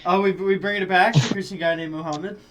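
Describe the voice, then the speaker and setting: A man with a high voice co-hosts a casual podcast. He rambles through long tangents full of "like" and breaks into giggles. His talk is loose and unscripted. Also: steady tone, fast talker, a crowd in the background. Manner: rambling, giggly, many fillers. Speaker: podcast co-host. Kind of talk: casual chat.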